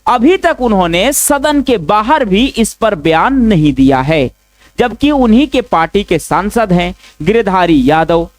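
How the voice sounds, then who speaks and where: Man posing sharp rhetorical questions. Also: sits high, expressive, a little slow, no echo. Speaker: news commentator. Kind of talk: scripted news commentary.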